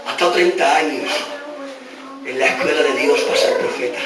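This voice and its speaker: A man from Extremadura preaching a fiery sermon with a Spain Spanish accent, swinging between shouts and hushed low tones, heard on an old cassette dictaphone recording. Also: a little fast, a crowd in the background. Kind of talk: Pentecostal-style sermon. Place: large church hall. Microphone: handheld dictaphone in the congregation. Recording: echoey hall taped from far off with music. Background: music and congregation responses.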